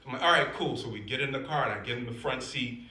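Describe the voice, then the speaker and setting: An older man doing stand-up comedy, animated, shifting between loud laughing punchlines and quiet somber asides. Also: mid-range voice, racing. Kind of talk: stand-up storytelling. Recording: echoey room with faint noise.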